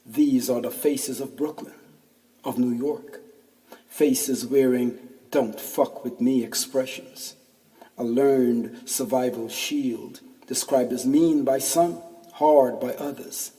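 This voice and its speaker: A man's voice: mid-range voice, steady tone, slow, mellow. A man in his fifties reading his own first-person essay aloud, wry and full of street slang, heard from a distance in a reverberant room. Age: 50s. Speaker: podcast host and narrator.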